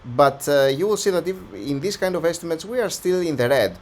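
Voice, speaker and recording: A man who is slightly hoarse, host of a stock analysis channel, talking through a valuation in a conversational, think-aloud way. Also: a little high, expressive, fairly quick, slight background noise. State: slightly hoarse, losing his voice. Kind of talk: casual stock analysis walkthrough.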